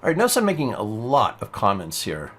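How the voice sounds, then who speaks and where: A man's voice: fairly low pitch, wildly swooping pitch, fairly quick, a bit bright. A man teaching a beginner programming lesson, explaining patiently step by step while typing along. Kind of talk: screen-recorded coding tutorial.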